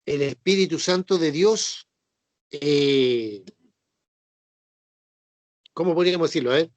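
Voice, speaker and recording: A man delivers a Bible teaching sermon in a high voice. He repeats his points patiently and keeps asking if the listeners follow. The sound is dry and close, with no room echo. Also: slow pace. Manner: repetitive, checks understanding with tag questions. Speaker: preacher.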